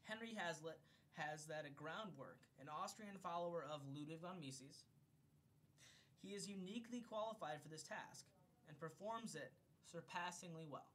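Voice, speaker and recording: Recording at home for a friend's bedtime, a slightly tipsy amateur reader works through an economics text, speaking at normal speed in a somewhat bright voice. He's declamatory when reading from the page yet loose and profane in offhand asides, and a low rumble runs under the recording.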